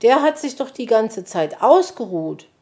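A woman's voice: on the high side, very animated, unhurried, darkish tone, pitched above the performer's own voice. Woman doing a cheeky, laughing fellow. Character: cheerful male character. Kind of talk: storybook reading.

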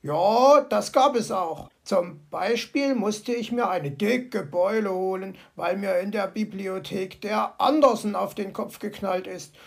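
A woman's voice: medium pitch, unhurried, gravelly, few pauses. A woman voicing a grumpy, sardonic male fox in a storybook audio play, grumbling and dryly sarcastic.

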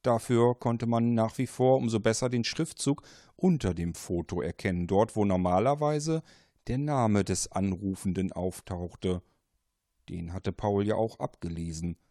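A man reads a suspense story aloud in a measured, deliberate way. He speaks very slowly, with a lowish voice. The sound is dry and close, with no room around it. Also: dark tone, no echo. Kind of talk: scripted story narration.

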